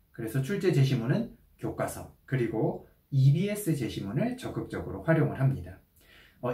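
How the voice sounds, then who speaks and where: A male instructor explains exam strategy in a calm, methodical way, with a lively rise and fall in his voice. His tone is mellow and soft-edged. The recording is echoey, with the mic set back from him. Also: medium pitch, far from the mic. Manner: calm, methodical, addresses students directly. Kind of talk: explanatory lecture.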